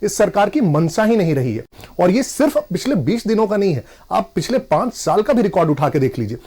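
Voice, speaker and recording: Insistent high-voiced male debate panelist. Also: sing-song, a little fast, slightly rough. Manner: forceful, insistent, refuses interruption. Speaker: opposition party spokesperson. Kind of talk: TV debate argument.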